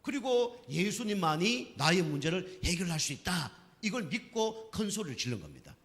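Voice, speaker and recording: A man's voice: high voice, sing-song, normal speed, a bit bright, big-room sound. A man preaching a sermon to a congregation, asking them questions and checking with them again and again. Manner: asks the congregation questions and keeps checking with "right?". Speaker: pastor. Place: church sanctuary.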